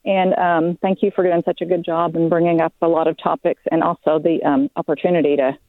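A woman from Arkansas calling in to a radio show while out walking, a little out of breath, speaking politely and hesitantly with many pauses. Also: fairly low pitch, little pitch movement, dry recording. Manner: hesitant, polite, lots of ums. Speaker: caller. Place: outdoors walking. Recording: phone line.

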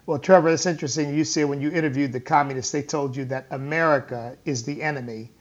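Speaking fast in a fairly high, steady voice, the male host of a political talk show keeps repeating himself emphatically and calls listeners "folks." He's a radio host on tour at a hotel or venue, and the audio comes across dull.

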